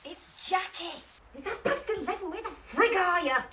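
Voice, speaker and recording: A blunt middle-aged woman leaving a voicemail on an answering machine. Her pitch swings widely as she speaks into the phone. A clear hiss of film-soundtrack noise sits under her voice. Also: expressive, moderate pace, roomy sound, distant mic. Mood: exasperated. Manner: blunt and exasperated. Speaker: friend leaving a phone message.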